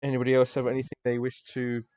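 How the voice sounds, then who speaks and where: A man's voice: mid-range voice, completely flat delivery, racing, a little mellow, clear, resonant tone, dry recording. A man narrating a tabletop role-playing game as its game master. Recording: dull recording with background music.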